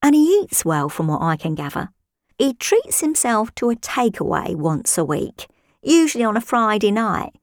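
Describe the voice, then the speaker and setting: A woman playing a nosy, gossiping married woman who spies on her neighbour, chatty with dry deadpan asides. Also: a little high, moderate pace, no room sound. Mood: gossipy. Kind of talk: comic character monologue.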